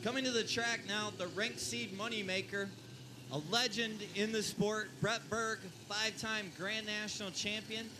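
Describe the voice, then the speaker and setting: High-voiced male tractor pull announcer. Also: little pitch movement, moderate pace. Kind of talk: live motorsport commentary with driver background and stats. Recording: clear engine and vehicle noise behind. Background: vehicle noise at a tractor pull.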